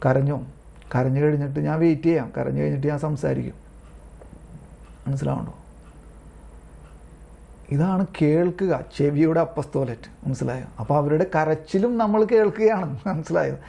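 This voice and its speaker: A man's voice: a little high, normal speed, vocal fry, pauses often, dark tone. A man leading an online prayer group as a lay preacher, reading religious texts aloud and explaining them in an informal, repetitive way, often checking whether listeners understand, heard over a video call. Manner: repetitive, keeps asking listeners if they understand.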